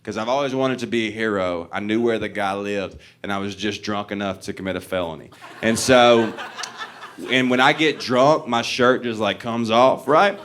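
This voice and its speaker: A man's voice: fairly low pitch, moderate pace, fairly bright tone, slight background noise. A young man, a stand-up comedian telling a rambling, self-mocking story on stage and laughing through his lines. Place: comedy club stage before a live audience.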